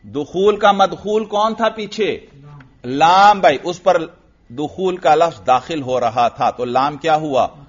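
A man's voice: fairly high pitch, animated, takes it slowly, muffled recording. A man teaching a classical grammar lesson, asking his students questions and answering them himself, repeating each point. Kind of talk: Arabic grammar lesson in Urdu.

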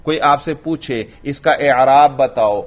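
Brief: male teacher, mid-pitched, quizzes his class, dull lo-fi recording. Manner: asks the class questions and answers them himself, repeats key terms slowly. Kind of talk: classroom grammar lesson.

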